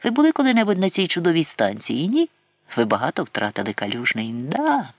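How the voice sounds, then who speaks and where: A man reads out a cocky young soldier with a high, loud, showy delivery. He mocks and clowns in a playfully pompous way, rising and swooping as he talks. The sound is close and dry, with no room around it. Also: huge pitch swings, fairly quick, no echo, heavily acted. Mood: theatrical, mocking. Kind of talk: audiobook character reading.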